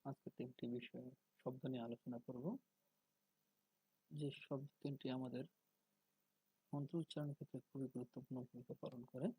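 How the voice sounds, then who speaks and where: A man giving a spoken lesson on pronunciation, slow and deliberate, drawing out syllables to demonstrate them. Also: mid-range voice, level tone, dark tone, breathy edge, no echo, rough recording. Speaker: religious teacher.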